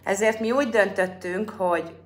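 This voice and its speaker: A woman hosting a livestream, chatting casually and directly with her viewers. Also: mid-range voice. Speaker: livestream host.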